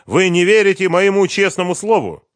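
A man voicing a bullying, blustering male company boss who shouts threats in a raised high voice. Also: expressive, normal speed, no echo, studio quality. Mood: furious.

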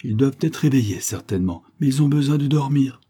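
A man voicing a calm, firm police inspector who speaks with quiet authority. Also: medium pitch, a little fast, breathy edge, pitched above the performer's own voice. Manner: firm, reasonable, commanding.

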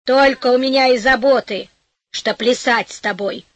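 A woman's voice: high voice, normal speed, dry recording, lightly acted. A woman voicing a greedy, grumpy old village woman in a storybook, grumbling and scornful.

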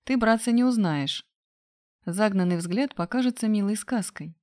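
A woman reading aloud, voicing a sharp-tongued young woman who teases and mocks calmly. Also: mid-range voice, moderate pace, no room sound, studio quality, voice pushed up, natural voice. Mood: teasing. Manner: mocking, cool and cheeky. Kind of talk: audiobook character voice.

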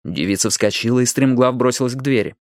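A man narrating a novel in an expressive, dramatic reading style. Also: medium pitch, quick pace, no room sound, clean studio sound. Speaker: audiobook narrator. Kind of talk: scripted narration.

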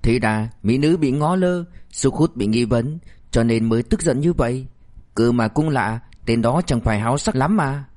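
Male audiobook narrator; even, steady reading at middle pitch. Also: normal speed. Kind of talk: scripted novel narration.

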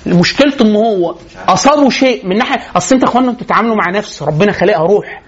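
A man with an Egyptian accent giving a religious lecture on parenting, telling lively stories and laughing often. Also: high voice, very fast, husky, muffled recording. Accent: Egyptian Arabic.

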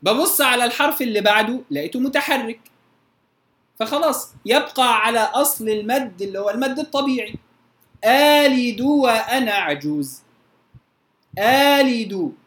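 A woman with an Egyptian Arabic accent teaching Quran recitation rules. She draws out her recited examples slowly and often checks whether her students follow. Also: fairly high pitch, fairly bright tone. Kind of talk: tajweed lesson. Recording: roomy echo.

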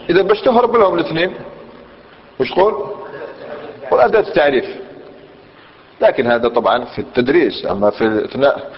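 A man teaching a classroom grammar lesson, explaining step by step, repeating words and checking in with his students. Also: medium pitch. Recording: muffled lecture recording with long hall reverb.

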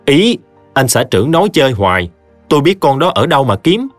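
A man voicing a shrill scheming stepmother. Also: big pitch swings, fairly quick, dry recording, faint music behind, lightly acted. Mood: defiant. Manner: shrill, wheedling and defiant. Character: scheming shrill middle-aged stepmother, woman.

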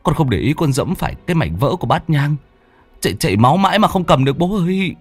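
A man's voice: a little high, very animated, quick pace, a little mellow, slightly rough, faint music behind, voice pushed up. A man voicing a frightened young adult son who stammers.

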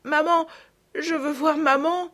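A woman's voice: high voice, steady tone, slow pace, fairly bright tone, voice pushed up. A woman reading a storybook, voicing a very small, frightened girl with a plaintive, childlike manner. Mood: whimpering.

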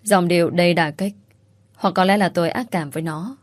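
A woman narrating a first-person story in a measured, even way. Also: lowish voice, dry recording, clean studio sound.

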